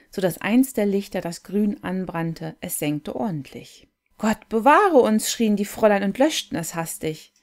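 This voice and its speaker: A woman reading a fairy tale aloud in a gentle, unhurried, contemplative way. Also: fairly low pitch. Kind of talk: calm storybook reading.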